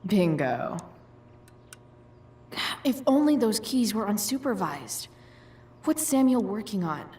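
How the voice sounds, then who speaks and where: A woman's voice: mid-range voice, very animated, slow, mellow, husky, heavily acted. An actress voicing a sarcastic, awkward, rebellious teenage girl in a video game, with hesitant, slangy, muttered delivery. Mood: wry, muttering.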